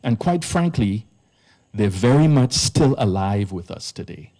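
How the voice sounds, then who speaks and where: Slow, deliberate man lecturing. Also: lowish voice, big pitch swings, warm tone. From Trinidad. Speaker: priest giving a presentation. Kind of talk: public lecture. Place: live event at an arts centre.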